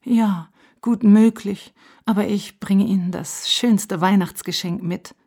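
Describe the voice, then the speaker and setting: A small storybook boy, earnest and heartfelt, a touch higher than the narrator, as a woman reads him. He speaks slowly, choosing sincere words. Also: steady tone, dark tone, husky. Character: small human boy, shy then glad.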